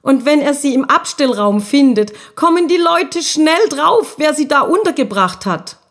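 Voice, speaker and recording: A woman reading a storybook and voicing Guschuk, an excitable little boy school ghost who talks in an eager, high-strung way. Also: a little slow. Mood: worried.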